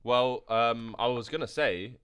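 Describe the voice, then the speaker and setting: A man's voice: mid-range voice, unhurried, a bit bright, smooth. A man hosting a live trading stream, rambling and thinking aloud over charts as he answers viewer chat, tired and yawning. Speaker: crypto trading livestream host. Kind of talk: casual live chart commentary.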